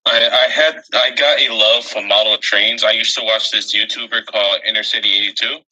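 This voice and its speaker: A man from Pennsylvania in a casual video call chat, halting and full of fillers. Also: on the low side, steady tone, bright, forceful tone, slightly rough, poor audio.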